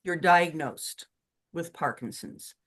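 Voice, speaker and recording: A woman's voice: deep voice, slow pace, fairly bright tone. A woman hosting an interview, chatty and enthusiastic, mixing in her own stories. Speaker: interview host. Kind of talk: casual interview.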